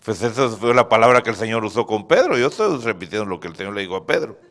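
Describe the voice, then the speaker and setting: Animated preaching man with lively pitch. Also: fast talker. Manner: animated preaching, rising shouts, laughs at own stories. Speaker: pastor. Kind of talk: sermon.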